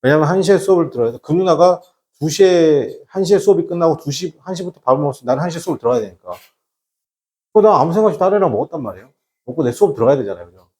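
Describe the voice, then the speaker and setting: A man's voice: fairly high pitch, lively intonation, racing, a little mellow. A male teacher giving a lecture, casual in manner, who often asks himself questions and acts out quoted lines while telling a personal story.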